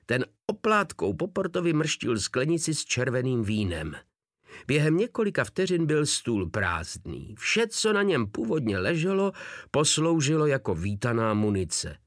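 A man narrating an audiobook in a vivid, lively storytelling style. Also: medium pitch, no echo, studio quality.

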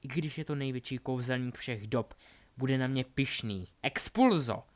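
A man's voice: medium pitch, lightly acted. Brief: man doing a cold, taunting young witch, raised tone, storybook reading. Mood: mocking. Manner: taunting, ironic.

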